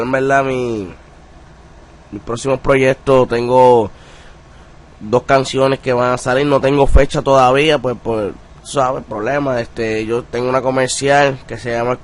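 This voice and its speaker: A man's voice: mid-range voice, little pitch movement, unhurried. A young man from Puerto Rico with a Puerto Rican accent, a rapper answering interview questions in streetwise slang, with many filler words. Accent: Puerto Rican Spanish. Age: young adult. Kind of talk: casual interview talk.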